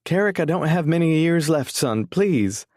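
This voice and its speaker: A man narrating an audiobook, voicing an excitable, emotional mother who can turn stern and pleading. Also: a little high, moderate pace, no echo, clean studio sound, pitched above the performer's own voice, lightly acted. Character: eager, emotional middle-aged mother.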